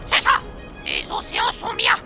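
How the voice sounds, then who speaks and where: An actor voicing a boastful, irascible pirate captain with a small, shrill, gravelly voice, blustering indignantly. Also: male voice, unhurried, lightly acted. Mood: boastful, threatening. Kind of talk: dramatic pirate adventure acting. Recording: loud music behind.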